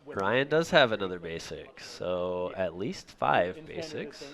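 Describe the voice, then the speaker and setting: A man doing casual, jokey commentary on a card game match, laughing often and talking in quick bursts. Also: deep voice, sing-song, fairly bright tone.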